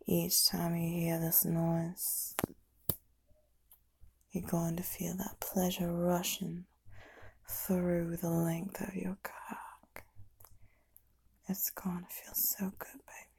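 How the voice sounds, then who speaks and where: A woman doing a whispered ASMR hypnosis, speaking in a slow, soft, unvoiced whisper as she counts down. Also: fairly low pitch, completely flat delivery, vocal fry, breathy edge. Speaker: ASMR performer.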